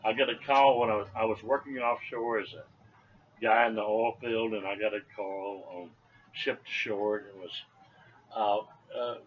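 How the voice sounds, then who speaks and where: Seventy-year-old veteran remembering, dull lo-fi recording. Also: male voice, fairly low pitch, fairly even intonation, moderate pace. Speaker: Vietnam veteran being interviewed. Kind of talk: informal interview, personal recollection. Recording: dull lo-fi sound, background noise.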